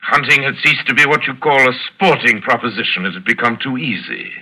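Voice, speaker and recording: An actor playing an urbane, menacing older aristocratic general and hunter in 1940s radio drama style, savoring his words with deliberate theatrical polish. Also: mid-range voice, animated, bright, forceful tone, full character voice, low-quality recording. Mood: brooding, confiding. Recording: vintage radio drama broadcast recording.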